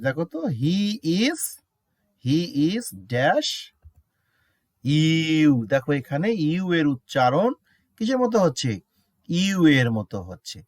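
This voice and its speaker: Man, teacher, grammar lesson, animated pitch, checks with students, repeats words slowly, dry sound. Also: dry recording. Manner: asks students frequent check questions; mixes English examples into Bengali explanation. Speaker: English teacher. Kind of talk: classroom lesson explaining grammar.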